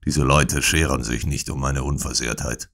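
A man doing a gruff, cold old moneylender. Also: rumbling low, fairly even intonation, moderate pace, a bit bright, heavily acted. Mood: gruff irritated. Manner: gruff, irritated, growling. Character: cold hard-hearted older male moneylender. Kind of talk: audiobook character voice.

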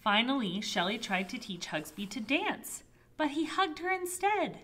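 A woman librarian reading a picture book aloud to toddlers, gently and expressively. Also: on the high side, a little slow, noisy background. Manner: gentle, expressive storybook reading with soft voices for characters. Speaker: children's librarian. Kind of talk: toddler storytime read-aloud.

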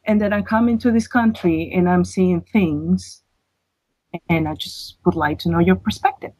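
Female caller from Venezuela, husky voice, dry sound, brief and polite. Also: fairly low pitch, moderate pace, a little mellow, dry recording, poor audio. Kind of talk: call-in conversation.

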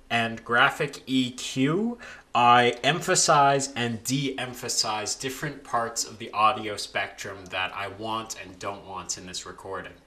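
A young man casually talking through how he edits recordings of his own singing, relaxed and with frequent restarts. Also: medium pitch. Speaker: video creator explaining vocal editing. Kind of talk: casual voice-over tutorial.

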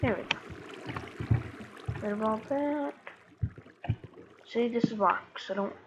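A woman's voice: on the high side, unhurried. A woman rambling casually through a Minecraft let's-play, self-correcting as she goes and losing her voice. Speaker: gaming YouTuber. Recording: dull lo-fi mic with clear background noise.

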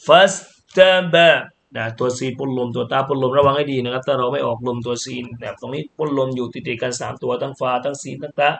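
A man teaching Quran reading, explaining each sound slowly and then chanting the syllables louder and higher. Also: flat delivery, vocal fry, slight background noise.

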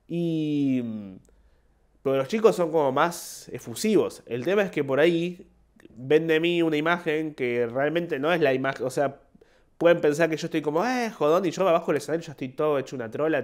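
A man's voice: a little high, a little mellow. A young man with an Argentine Spanish accent, a podcast host and comedian telling stories in a rambling, self-mocking casual monologue. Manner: rambling, self-mocking, acts out short quoted voices.

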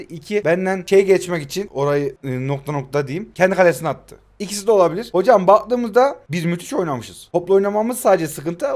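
A young man in his twenties with a high voice calls his own mobile football match as it plays out. He is excitable, yells player names on every attack and curses at the game in good fun. His pitch sits well above most men's. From Turkey. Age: 20s. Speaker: mobile football gaming YouTuber. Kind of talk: live gameplay commentary.

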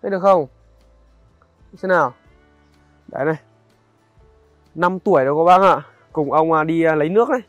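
A young man, narrating a casual outdoor vlog in a halting, conversational way and speaking directly to viewers. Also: fairly high pitch, fairly bright tone, no echo, dull audio, faint music behind. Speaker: vlogger. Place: outdoors in a highland village.

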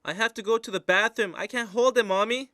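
A man reading the lines of a little boy who needs the toilet, in a scripted dialogue for learners, slow and plain. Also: high voice, pushed and bright, no echo, clean studio sound, full character voice.

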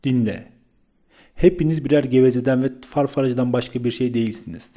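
A man's voice: medium pitch, brisk, dark tone, lightly acted. A man reading an audiobook, voicing a blunt, hot-tempered young man who scolds his friend in a raised voice. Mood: scolding.

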